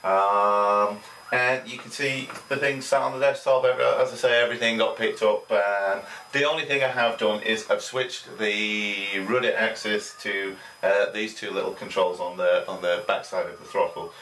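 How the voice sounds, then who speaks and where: A man's voice: fairly low pitch, fairly even intonation, moderate pace, bright, forceful tone. A middle-aged man casually reviewing a product at home, talking in a rambling way with many fillers. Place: small home room with desk and computer. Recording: roomy, distant camera audio, faint hiss.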